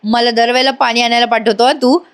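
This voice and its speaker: A woman's voice: a little high, steady tone, fairly quick, smooth, close to an everyday voice. A woman reading a naive, curious young man.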